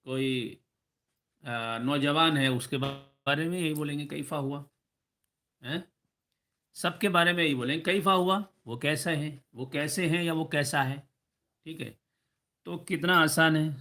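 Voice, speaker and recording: A man teaches Arabic online in a fairly high, bright, pushed voice, staying patient throughout. He slowly draws out example phrases and regularly checks in by asking "ٹھیک ہے؟".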